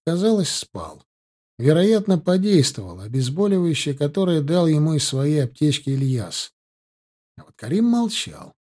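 A man narrating an audiobook in the first person, in a measured, steady storytelling manner. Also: on the high side.

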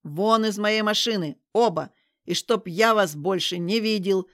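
A woman doing a gruff, impatient taxi driver. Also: mid-range voice, animated, moderate pace, no echo, clean studio sound, natural voice. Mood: irritated. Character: irritated middle-aged male taxi driver.

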